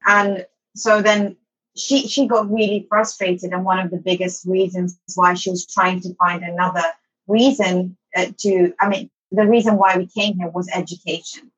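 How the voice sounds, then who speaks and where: A woman born in Somalia, who moved as a child to Saudi Arabia and then to London, chats informally as an interview guest about her own life; she works as an online English teacher. Her voice is fairly low and husky with a flat delivery at normal speed, and the recording has its highs cut off.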